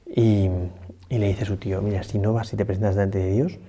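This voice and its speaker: A man's voice: lowish voice, level tone, brisk, mellow, husky. A priest speaking gives a conversational morning homily, often adding tag questions and restarting his sentences. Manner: conversational, many rhetorical tags and restarts.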